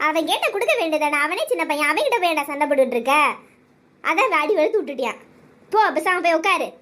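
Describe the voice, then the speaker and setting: A woman voicing a middle-aged aunt in a cartoon who breaks up children's fights with quick, firm talk. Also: sits high, very animated, fairly bright tone. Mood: scolding. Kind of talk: cartoon voice acting.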